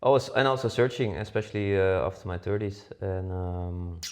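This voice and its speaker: A low, steady, darkish male voice at normal speed belongs to a Dutch podcast co-host in his forties. He chats informally, often restarting sentences and leaning on fillers.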